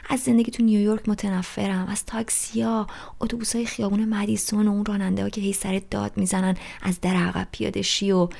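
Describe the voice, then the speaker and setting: A woman voicing a restless teenage boy who rants loudly about everything in an audiobook reading. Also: medium pitch, level tone, gravelly. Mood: exasperated. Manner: loud, rushed, ranting complaints.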